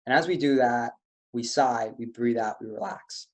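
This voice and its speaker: A man's voice: mid-range voice, fairly even intonation, moderate pace, darkish tone. A man leading an online stress-relief webinar, coaching listeners through posture and breathing steps. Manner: coaching, gives step-by-step physical instructions. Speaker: webinar presenter. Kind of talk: guided stress-relief talk.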